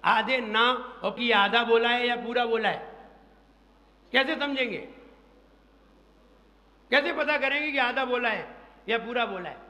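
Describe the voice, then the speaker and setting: A man with a high, bright voice leads a congregation through a recitation lesson. He speaks slowly and drills each syllable, chanting the verse for them to repeat. He is heard in an echoey hall with a long reverb and faint ambience behind him. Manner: slow, drilling repetition, chants verse lines. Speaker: monk teaching recitation. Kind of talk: pronunciation lesson within a sermon.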